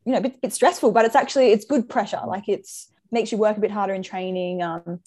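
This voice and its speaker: A woman's voice: mid-range voice, steady tone, fast, a little mellow. A woman in her twenties with a Queensland Australian accent, chatting informally as a soccer player being interviewed. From Brisbane, Australia. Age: 20s. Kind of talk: casual chat.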